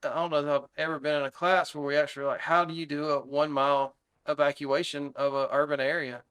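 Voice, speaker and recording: An American man recalls an incident as a fire battalion chief being interviewed. His voice is clean and a little high, with a fairly level melody. He talks in a plain, conversational way. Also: level tone, fast, fairly bright tone, smooth. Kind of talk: interview recollection.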